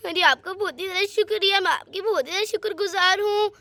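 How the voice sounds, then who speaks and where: Lady voicing a homeless doll-story woman, squeaky high, gravelly edge, says thanks a lot. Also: quick pace, bright, forceful tone, no echo, full character voice. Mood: grateful. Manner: pleading, grateful. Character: poor homeless woman, thrown out by her in-laws. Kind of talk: doll story role-play.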